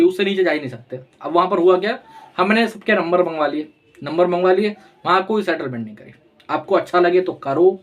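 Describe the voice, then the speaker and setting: A young man with a high voice and a chatty, coaxing delivery, talking straight to his viewers like a friend giving advice. He slips into little acted-out phone calls as he explains, keeping it casual and easygoing throughout. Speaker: loan settlement advisor.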